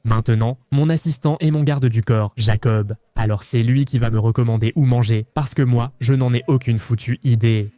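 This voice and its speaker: Excitable man hosting a travel vlog. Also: mid-range voice, normal speed, hardly any pauses, no echo. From Argentina. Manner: excitable, playful, jokey. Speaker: travel vlogger host.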